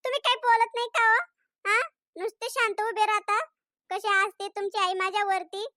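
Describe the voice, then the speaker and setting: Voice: extremely high pitch, flat delivery, moderate pace, pushed and bright, dry recording, studio quality. A performer doing a whiny, complaining young mom. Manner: whining, complaining. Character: complaining, weepy young mother. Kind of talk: cartoon voice acting.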